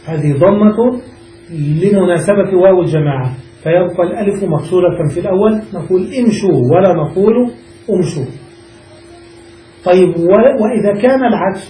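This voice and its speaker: A man with a high voice and a mellow, soft tone teaches grammar to a class. He goes over each point more than once and keeps asking whether his students follow. He is heard from a distance in a roomy space with faint noise behind him. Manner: checks understanding with the class, repeats and restates points. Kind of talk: classroom lesson explaining a grammar text.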